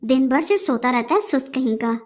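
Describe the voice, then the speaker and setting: A busy little female sparrow in a cartoon, impatient and chiding, as a woman voices her. The voice is high and bright. She calls out and complains in a brisk way. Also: expressive. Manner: impatient, calling out.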